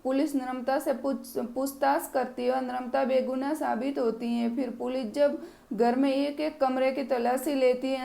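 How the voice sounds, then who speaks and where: Woman narrating a family tale, high gravelly voice, pretty flat. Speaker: storyteller. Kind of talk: scripted story narration.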